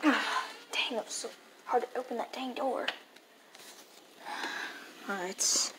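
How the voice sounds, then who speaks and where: A young performer plays a grumpy, tired father scolding his son in a homemade skit, gruffly repeating his orders. The voice is mid-range and slow, and the recording is very noisy.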